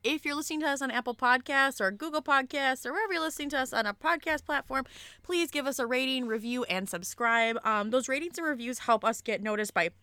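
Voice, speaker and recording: A woman's voice: high-pitched, fast, sharp tone, clear, resonant tone, no echo. A young woman co-hosting a podcast, chatting casually and giggling, with lots of fillers. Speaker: podcast co-host. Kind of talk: casual chat.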